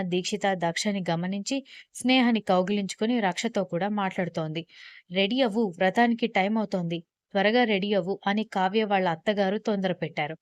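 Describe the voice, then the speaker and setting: A woman's voice: medium pitch, dry recording. Woman narrating an audio story, dry sound.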